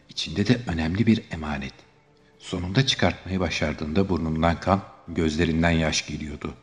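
Deep voiced guy reading a dark thriller story, steady and grave, soft music behind. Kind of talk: scripted story narration.

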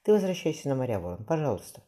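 Audiobook role: man doing a gentle dying mother, faint and tender, quick. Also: mid-range voice, big pitch swings, voice pushed up, lightly acted. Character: dying gentle young mother, soft and loving.

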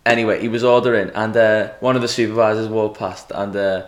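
A man's voice: on the low side, fairly even intonation, a little fast, roomy sound. A young man co-hosting a podcast, telling a crude, joking anecdote in casual chat. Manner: crude, joking anecdote teller who mimics people. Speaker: podcast co-host.

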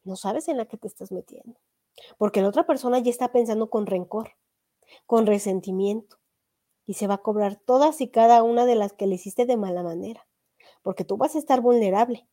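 Woman, podcast host, earnest advice tone, mellow and slightly high. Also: fairly quick. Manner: earnest, addresses listeners directly with rhetorical questions. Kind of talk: motivational talk on forgiveness.

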